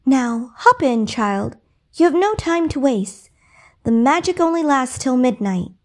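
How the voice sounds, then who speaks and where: A woman's voice: high voice, sing-song, measured pace, a little mellow. A woman voicing a kindly, cheerful little old fairy godmother in a bedtime story with a sing-song manner.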